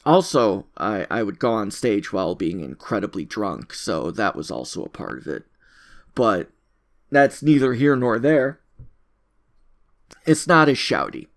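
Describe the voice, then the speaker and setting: A content creator speaks in a fairly low, sing-song voice, taking his time as he records an unscripted audio log. He rambles casually, teases himself, and says things more than once.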